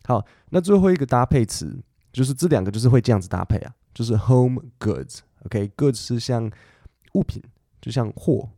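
A man hosting a casual podcast lesson. He chats in a relaxed way, thinks aloud with fillers and restarts, and reads English text slowly and carefully. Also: medium pitch, no room sound, studio quality. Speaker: English teacher podcast host.

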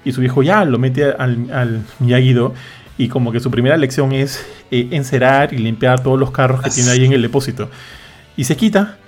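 Animated man, casual chat. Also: medium pitch, normal speed, faint music behind. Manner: animated, acts out quotes with slang.

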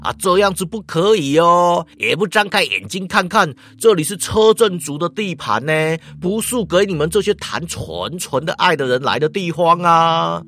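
A man's voice: on the high side, lively intonation, fairly bright tone, slight background noise. A man voicing a sleazy, taunting male street thug, mocking and threatening. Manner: jeering, drawn-out mocking taunts.

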